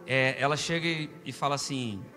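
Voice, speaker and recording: A man's voice: mid-range voice, normal speed. A man preaching a humorous storytelling sermon as a pastor with a Brazilian Portuguese accent, in a church hall. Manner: animated storyteller, rising to loud preaching. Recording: reverberant church hall with music.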